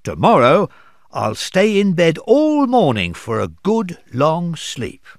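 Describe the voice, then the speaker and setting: A man reading aloud voices an eager young working girl, bright in tone. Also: fairly high pitch, wildly swooping pitch, slow pace, no room sound, studio quality, voice pushed up, heavily acted.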